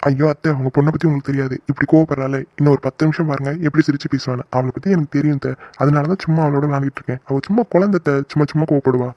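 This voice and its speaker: A playful cartoon husband who loves to tease his wife's family, voiced by a man. He talks quickly in a slightly high, dry voice. The sound is a bit dull and lo-fi. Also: fairly even intonation, no echo, lightly acted. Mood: teasing. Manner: playful teasing, joking. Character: good-natured teasing husband, brother-in-law. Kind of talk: cartoon voice acting.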